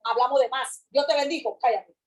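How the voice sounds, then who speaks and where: Picture a woman preaching with a high voice. She repeats her lines with fervor and swings between loud calls and hushed words. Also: brisk, low-quality recording. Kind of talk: sermon.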